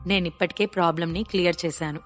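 A woman voicing a calm, self-assured young male hero in an audio story, giving orders quietly and quickly. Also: on the low side, soft background music, natural voice.

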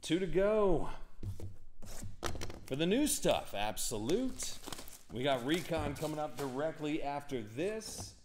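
A young man hosting a live card break, chatting and rambling excitedly to viewers as he calls out cards. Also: fairly high pitch, takes it slowly, long pauses, noisy background. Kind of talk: casual live-stream card break commentary.

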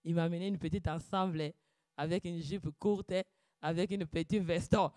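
A woman giving a fervent preaching testimony, breaking into loud shouted calls of praise and dropping to quiet, low asides. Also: fairly even intonation, moderate pace, no echo, studio quality. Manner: drops to quiet, low asides between outbursts. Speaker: church speaker giving testimony.

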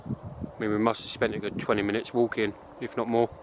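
Fairly quick and flat in delivery, an English urban explorer speaks in a fairly low pitch against a noisy background. He's vlogging a casual walk through an abandoned farm, outdoors and in its derelict barns, wondering aloud and talking to his viewers.

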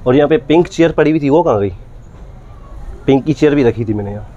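A man's voice: medium pitch, expressive, fast talker, mellow, muffled recording, a little hiss or hum. Insistent accusing shopkeeper man. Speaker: shopkeeper prankster. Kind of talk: hidden-camera prank, accusing a customer. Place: cosmetics shop, indoors.

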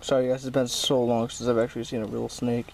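Outdoors by a creek in weedy woods, the host of an amateur snake-catching vlog chats casually and exclaims to viewers, swearing informally as he holds a handheld camera. His voice is medium-pitched, gravelly and darkish, with little pitch movement and a quick pace, over slight background noise.

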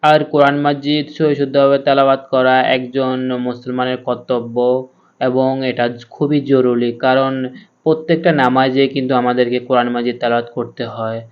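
A man teaching Quran reading, patiently spelling out each letter and sound in a slow step-by-step lesson. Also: medium pitch, little pitch movement, clean tone, highs cut off.

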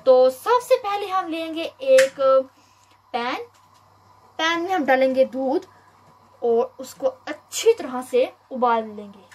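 A young woman hosting a home cooking video, calmly explaining each step with frequent pauses and fillers, recorded on a phone in her kitchen. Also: high-pitched, slight background noise. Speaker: cooking channel host. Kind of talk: home cooking tutorial narration.

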